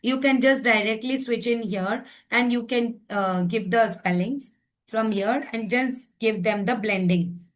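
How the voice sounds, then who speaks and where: Woman, teacher trainer, patient explanations, unhurried delivery. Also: fairly high pitch. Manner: patient explaining, often checks understanding; mixes Hindi and English. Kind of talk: online phonics training lesson.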